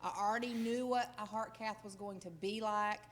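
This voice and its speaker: A woman's voice: medium pitch, fairly even intonation, moderate pace. A woman, giving a church testimony in an earnest, emotional, plain-spoken way. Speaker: church member sharing a testimony. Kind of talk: personal testimony.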